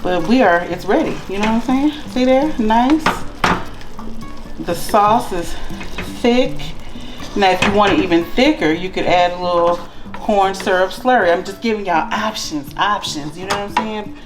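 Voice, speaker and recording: A woman's voice: mid-range voice, normal speed, roomy sound, over music, low-quality recording. A woman hosting a casual cooking vlog, chatty and calling her viewers y'all and child. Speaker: cooking channel host. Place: home kitchen.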